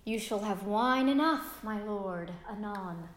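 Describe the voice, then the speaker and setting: A woman's voice: medium pitch, animated, slow. A woman as a blunt, cold-blooded murderer.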